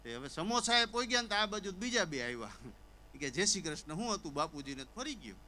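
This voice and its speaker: A man's voice: high-pitched, quick pace, slight background noise, poor audio. A man telling a comic story on stage, acting out characters with stammers and sobs. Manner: animated, acts out characters with stammers and sobbing. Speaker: stand-up comedian. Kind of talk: Gujarati folk comedy storytelling on stage.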